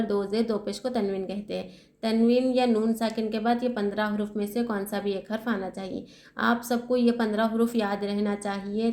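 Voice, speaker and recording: A woman teaching Quran recitation step by step. She asks her own questions and answers them, and she spells out letters slowly. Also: on the high side, darkish tone. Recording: echoey room.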